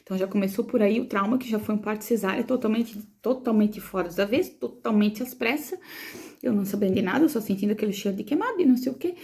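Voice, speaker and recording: Emotional Brazilian woman, gravelly and warm. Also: medium pitch, expressive. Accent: Brazilian Portuguese. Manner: emotional, halting, repeats words. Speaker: mother of a premature baby. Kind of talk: personal testimony vlog.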